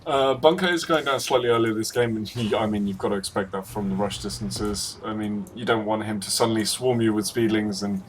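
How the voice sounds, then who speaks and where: A man's voice: on the low side, steady tone, brisk, hardly any pauses, slight background noise. A man casting a video game match, joking and laughing as he banters with his co-caster. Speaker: esports caster. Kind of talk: casual game commentary.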